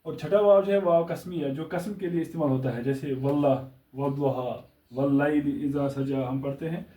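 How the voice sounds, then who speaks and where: A man teaches a grammar lesson in a patient, step-by-step way. His voice is fairly high yet mellow. The recording sounds roomy and distant, as if he sits away from the mic. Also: fairly even intonation, normal speed. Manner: patient, explains step by step with examples. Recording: echoey room, voice off-mic.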